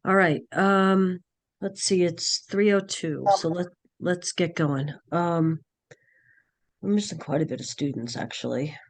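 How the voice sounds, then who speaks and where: Woman, raspy, hoarse from a cold, instructor, halting, filler-heavy, video call. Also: lowish voice, fairly even intonation. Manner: halting, thinks aloud, many fillers. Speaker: nursing class instructor. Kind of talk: online class session.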